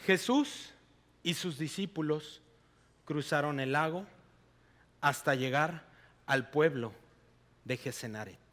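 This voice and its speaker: A male pastor giving a sermon in a church hall, reading scripture in a slow, deliberate way. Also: on the high side, lively intonation, fairly bright tone. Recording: long reverb of a large hall.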